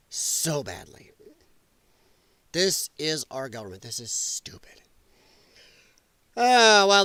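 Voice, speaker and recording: His voice is a little high and a bit bright, with a clean tone and no room sound. As a livestream host, he reads a news piece aloud and keeps interrupting it with exasperated, sarcastic, profane commentary, turning it into an opinionated rant.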